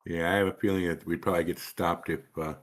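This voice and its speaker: A man's voice: deep voice, fairly even intonation, fast talker. A middle-aged man, a guest in a casual chat, giving dry, understated replies.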